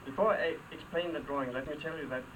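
Older Danish-accented man, after-dinner humorist, wry and dry, a bit high, heard from a distance with noise. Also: quick pace, a bit bright. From Denmark. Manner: dry, wry storytelling with comic asides. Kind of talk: humorous luncheon speech. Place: hall with a live audience. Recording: distant mic, clear background noise.

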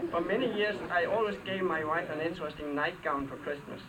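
Older Danish-accented man, after-dinner humorist, wry and dry, a bit high, heard from a distance with noise. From Denmark. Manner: dry, wry storytelling with comic asides. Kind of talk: humorous luncheon speech. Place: hall with a live audience. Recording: distant mic, clear background noise.

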